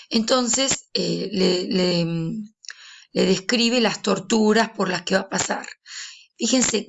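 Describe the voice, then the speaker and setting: A woman giving a recorded literature lesson, explaining slowly with frequent pauses and hesitations. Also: fairly high pitch, vocal fry, slight background noise. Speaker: literature teacher. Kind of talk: recorded lesson reading and commenting a story.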